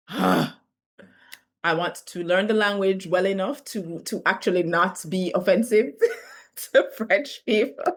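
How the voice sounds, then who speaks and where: A woman's voice: medium pitch, takes it slowly. Candid Caribbean woman thinking aloud. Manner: candid, animated, laughing between thoughts. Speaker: vlogger. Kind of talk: reflective talking-to-camera vlog.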